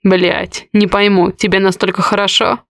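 A woman reading the lines of a brooding, harsh young man in an audiobook, in a low, curt, growling voice. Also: level tone, normal speed, a bit bright, no room sound, studio quality, lightly acted.

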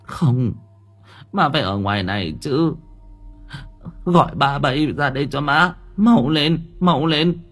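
Man doing a desperate old mom, high and loud, husky. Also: measured pace, long pauses, soft background music. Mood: tearful. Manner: crying out, frantic. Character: grieving older mother, frantic and desperate.

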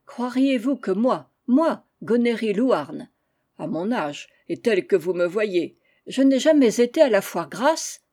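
A brooding peasant mason speaks in a hushed, wistful way, as a woman reads him aloud. The voice is mellow and soft. He sounds like a figure in a storybook reading. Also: mid-range voice, very animated, slow pace, exaggerated voice. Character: brooding peasant mason, dreamy middle-aged man.

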